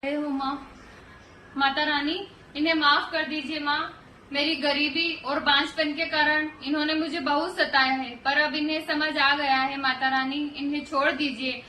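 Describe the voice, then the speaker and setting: Woman as gentle pleading young wife in a cartoon story; high pitch, roomy far-off recording. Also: flat delivery, normal speed, slight background noise. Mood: prayerful. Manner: tearful, imploring, devout. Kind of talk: animated storybook voice acting. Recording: echoey room from far off, music behind.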